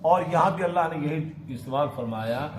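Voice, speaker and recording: Echoey mosque preacher reciting and explaining verses. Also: male voice, a little high, animated, moderate pace. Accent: Pakistani Urdu. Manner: recites Arabic verses then explains, asks the audience questions. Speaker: maulana giving Quran lesson. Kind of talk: mosque sermon, Quran commentary. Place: mosque hall. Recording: echoey mosque hall, faint noise.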